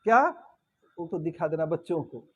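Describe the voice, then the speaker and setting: A sly male sage laying out a plan in a low, measured voice, as a man telling a sermon puts him on. He is steady and knowing, even though the speaker's own voice runs high. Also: slightly rough, lo-fi sound. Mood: scheming. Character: sage Narada, scheming male advisor, calm and sly.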